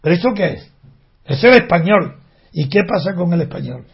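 A man's voice: high voice, expressive, brisk. An older man in an opinionated spoken monologue, talking indignantly with rhetorical questions and frequent restarts. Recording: dull lo-fi recording.

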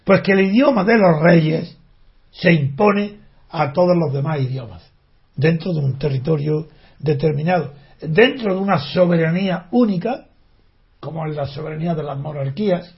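An older man with a fairly high voice speaks at a normal speed in an opinionated monologue. He sounds indignant, firing off rhetorical questions and restarting often. The recording is dull and lo-fi.

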